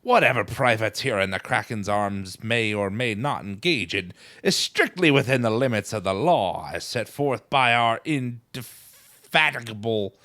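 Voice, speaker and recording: A man voicing a gruff male pirate captain, growling pirate talk while reading game dialogue aloud. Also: on the low side, expressive, normal speed, hardly any pauses, fairly bright tone, no room sound.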